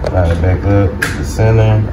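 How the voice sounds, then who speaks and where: Over loud music, a man in his thirties narrates a casual hands-on product tutorial, walking informally through each step in a small indoor game room at home. His voice is lowish and steady in tone, at a normal speed, and the room is noisy.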